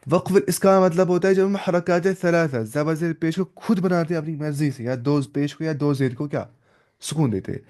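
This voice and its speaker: A man teaching a tajweed lesson who asks questions and answers them himself, chants Arabic words slowly, and mixes English words into his explanations. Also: fairly high pitch, a little mellow. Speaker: Quran recitation teacher.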